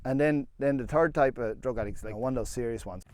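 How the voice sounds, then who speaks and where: A man's voice: mid-range voice, fairly quick, a little mellow. An Irish man who farms sheep, explaining his dog work casually with wry, colloquial storytelling out in open fields. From Ireland. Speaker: sheep farmer and sheepdog handler. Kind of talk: casual explanation while working dogs. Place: outdoors in open hill fields. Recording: outdoor recording with clear background noise.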